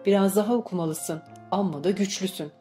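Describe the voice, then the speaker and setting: A woman reading the lines of a tender, proud young mother in an audiobook, gentle and firm, over faint music. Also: mid-range voice, a little fast, natural voice. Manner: warm, then firm and dignified.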